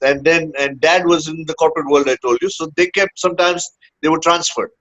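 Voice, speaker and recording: A man from India who works as a leadership coach shares his story in a casual interview, his fairly bright voice on the high side, a little fast and fairly even in intonation. He rambles, leaning on "uh" and the tag "huh?", captured in dull lo-fi audio.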